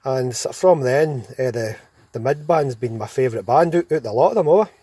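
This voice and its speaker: Scottish bloke on cb radio chat, mellow relaxed voice, rambling stories, keen. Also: male voice, medium pitch, moderate pace, husky. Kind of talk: casual anecdotal chat over CB radio.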